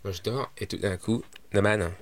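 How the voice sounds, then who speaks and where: A man, a comedian guest, telling an anecdote in casual chat, animated with lots of restarts. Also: on the low side, moderate pace.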